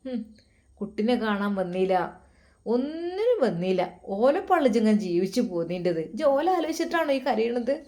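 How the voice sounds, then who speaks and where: A self-pitying mother voiced by a woman storyteller grumbles and scolds in a Malappuram Malayalam accent. Her tone is mellow and slightly raised in pitch, as in a told story. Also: sing-song, moderate pace. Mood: grumbling. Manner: complaining and grumbling.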